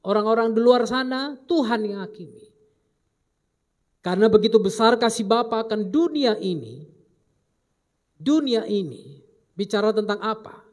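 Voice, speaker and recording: A man preaching a sermon as pastor, delivering emphatic commands and then dropping into low asides. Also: animated, normal speed, pauses often.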